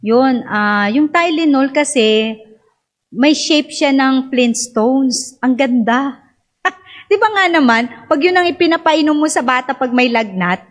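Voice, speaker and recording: Chatty high-voiced Filipina storyteller. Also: female voice. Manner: chatty, laughs often, acts out quoted voices. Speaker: speaker sharing a personal story. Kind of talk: casual storytelling to a congregation.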